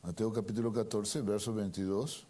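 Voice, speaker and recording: A man preaching a sermon and reading a Bible passage aloud, with emphatic repetition that moves between hushed asides and loud stressed lines. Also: lowish voice, fairly even intonation. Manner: reads the Bible aloud slowly and dramatically.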